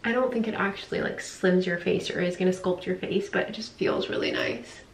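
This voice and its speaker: A woman's voice: on the low side, fairly even intonation, a little fast, far from the mic, slight background noise. A young woman rambling through a casual personal vlog at home, full of fillers and asides. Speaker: lifestyle vlogger. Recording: echoey room, off-mic, faint ambience.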